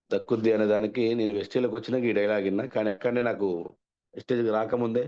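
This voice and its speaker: Man, low voice, talks fast and rambles, dull lo-fi recording. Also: warm tone. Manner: chatty, rambling, self-correcting. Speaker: speaker sharing success story. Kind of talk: casual storytelling. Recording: dull lo-fi audio.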